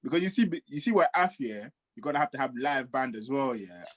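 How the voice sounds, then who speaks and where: A man's voice: medium pitch, fairly quick. A young man co-hosting a casual podcast chat, joking and acting out quotes. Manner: lively, joking, acts out quotes. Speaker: podcast co-host.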